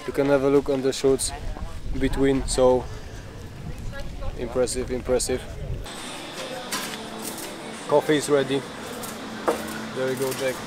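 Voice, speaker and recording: A man's voice: medium pitch, slow, long pauses, noisy background. A man vlogging outdoors at a tourist spot, chatting casually in unpolished English toward a handheld camera. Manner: relaxed, unpolished English, chatty tour-guide asides. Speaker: vlogger, channel owner. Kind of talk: casual travel vlog talk.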